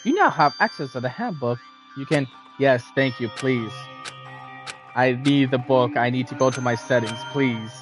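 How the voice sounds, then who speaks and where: A man's voice: medium pitch, normal speed. A man streaming a game, casually commenting and reading aloud as he plays. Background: faint game music.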